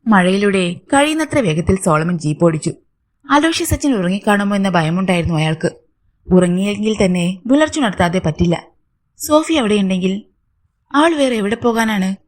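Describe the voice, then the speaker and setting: A woman tells a story aloud at an unhurried pace. Her voice sits at a middle pitch. She voices the characters' lines in her own voice, lifting it slightly for the men. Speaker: narrator. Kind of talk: storytelling narration.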